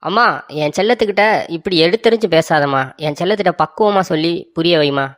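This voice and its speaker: A woman voicing a soft-hearted young husband who sweet-talks his wife in a cartoon comedy. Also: on the low side, expressive, a little fast, lightly acted. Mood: doting. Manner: sweet-talking, pleading, calls his wife "darling".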